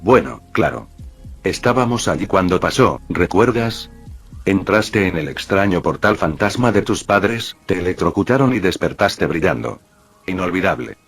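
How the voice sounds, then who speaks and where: A man voicing a blunt, sharp-tongued teenage girl in a read-aloud fan story, speaking dryly. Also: low-pitched, sing-song, normal speed, vocal fry, breathy edge, soft background music, full character voice.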